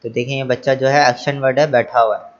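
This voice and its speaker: A man's voice: medium pitch, fairly even intonation, fast talker, lo-fi sound. A male teacher explaining English action words to children. He spells each word letter by letter, then repeats it, translates it and asks the class rhetorical questions.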